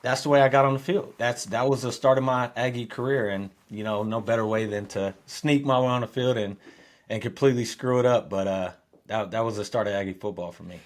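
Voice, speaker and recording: A middle-aged man speaking in a mid-range voice tells his story as a guest. He talks in a relaxed way, then winds up into louder, higher bursts when he acts out the excited moments. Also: a little fast. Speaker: guest, former football player. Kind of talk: storytelling in an interview.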